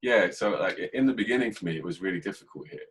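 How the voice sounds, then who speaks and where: An English man hosting a podcast, talking in a casual, reflective way and keeping a dry, even tone even when he jokes. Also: low-pitched, fast talker, slightly rough, rough recording. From England. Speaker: podcast host. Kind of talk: casual conversation.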